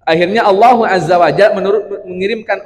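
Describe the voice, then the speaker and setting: Man, mosque preacher, high voice, joking conversational lecture, long hall reverb. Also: fast. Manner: chatty, joking, keeps addressing listeners as "Pak".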